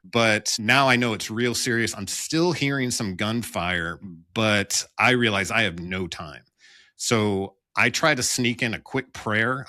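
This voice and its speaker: An American police officer, appearing as a podcast guest, tells his own story conversationally in a candid, wry way, acting out the dialogue. His lowish voice has a bright, forceful tone, and the studio-quality recording is dry.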